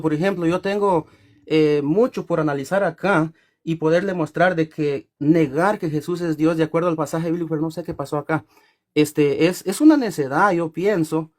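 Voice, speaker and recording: A man in a theological debate, speaking haltingly with many fillers. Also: fairly high pitch, darkish tone. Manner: halting, full of fillers and restarts. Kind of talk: theological debate closing remarks.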